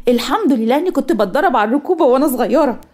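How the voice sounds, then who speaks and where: A woman voicing a spirited young Egyptian woman, a student, lively and teasing, in a cartoon story. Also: high-pitched, very fast, breathy edge.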